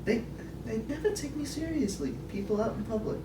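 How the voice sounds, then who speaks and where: Eccentric old grandmother, played by a woman, grandma voice, swooping pitch, rambling and indignant; noisy room recording. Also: expressive, a little fast, lightly acted. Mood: indignant, distressed. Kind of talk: improvised comedy role-play. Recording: roomy, noisy, distant mic.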